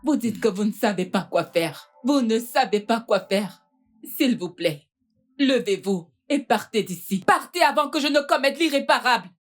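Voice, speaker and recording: A woman's voice: a little high, expressive, normal speed. A woman voicing an indignant middle-aged mother in a dubbed film drama. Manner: indignant, scolding. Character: outraged middle-aged mother defending her daughter. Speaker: mother of a wronged daughter.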